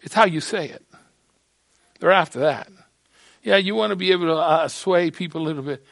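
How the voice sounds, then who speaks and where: An older man preaching a sermon to a congregation, emphatic and swinging from soft asides to loud declarations, with halting restarts and repeated words. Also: on the high side, vocal fry, no echo. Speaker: pastor. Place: church sanctuary.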